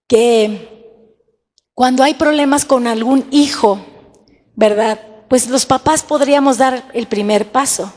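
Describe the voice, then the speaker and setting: Lady pastor preaching, high voice, long echo like a big church hall. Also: darkish tone. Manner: slow, emphatic preaching with rhetorical questions to the congregation. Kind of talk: sermon.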